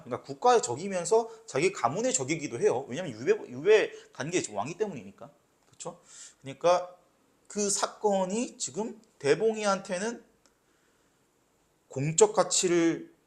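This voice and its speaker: Lively Korean lecturer, animated pitch. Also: male voice. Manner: explains step by step, often asks "right?". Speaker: literature teacher. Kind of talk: exam lecture.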